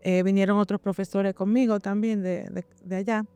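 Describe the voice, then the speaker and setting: A woman's voice: medium pitch, level tone, fairly quick, warm tone, smooth, soft background music. A woman instructor, talking conversationally and often searching for words as she explains academic work. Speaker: university instructor.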